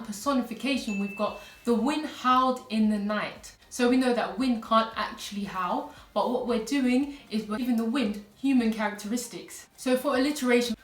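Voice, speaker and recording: A woman's voice: a little high, recorded from a distance. A woman English teacher giving a patient, step-by-step online lesson to students. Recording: echoey room, voice a little off-mic.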